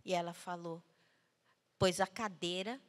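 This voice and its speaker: A woman, a guest speaker, telling a personal story to an audience, swinging between loud outbursts and hushed low tones. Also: fairly even intonation, a little slow. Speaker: guest speaker at a panel talk. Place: large hall at a cultural center. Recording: long hall reverb.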